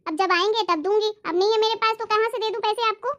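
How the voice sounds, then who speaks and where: A younger sister who dodges and deflects, answering every demand with dismissive excuses in a homemade drama. The voice is very high and quick to shrug things off, as a woman acts her out. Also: fairly even intonation, fairly bright tone, lo-fi sound. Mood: evasive. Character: evasive younger sister dodging her debt.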